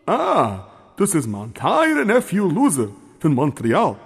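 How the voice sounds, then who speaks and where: Man doing a jolly stammering rabbi uncle, high husky voice, lively pitch, reverberant room. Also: unhurried, exaggerated voice. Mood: jovial. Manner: stammering with "äh", chuckling.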